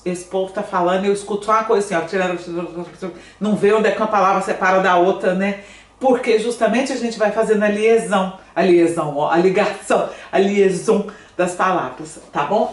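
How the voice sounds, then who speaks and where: A woman with a Brazilian Portuguese accent who teaches French, explaining in a chatty, animated way and often asking "né?". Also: medium pitch. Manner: chatty, animated, asks "né?" a lot. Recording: echoey room, somewhat distant mic.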